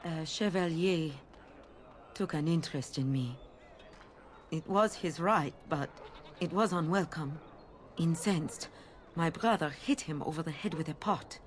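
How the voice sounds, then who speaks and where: A genteel game merchant, a woman with a French accent and a low voice. She is courteous and a little wistful, with faint noise behind her. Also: a little slow, pauses often. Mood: guarded, rueful. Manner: courteous, formal phrasing with gentle tag questions. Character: genteel Orlesian flower-seller woman, courteous, wistful émigré. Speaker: market merchant. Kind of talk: video game character dialogue.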